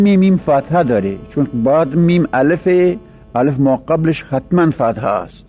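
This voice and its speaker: A man teaching Arabic grammar in a classroom lecture, whose first language is Persian, drawing out the example words slowly. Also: mid-range voice, creaky, slightly rough. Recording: dull lo-fi recording with mains hum.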